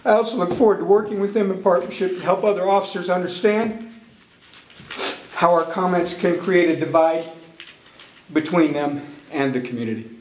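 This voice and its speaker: A man's voice: sits high, normal speed, darkish tone. A man reading a prepared public apology as a police detective, tearful and ashamed. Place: press conference room. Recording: echoey room, faint noise.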